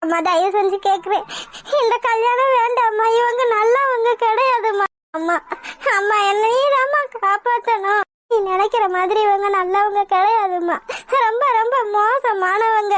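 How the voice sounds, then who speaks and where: A woman's voice: extremely high pitch, normal speed, fairly bright tone. A woman voicing a frightened, tearful young bride in a cartoon, pleading and desperate. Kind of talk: Tamil cartoon voice acting.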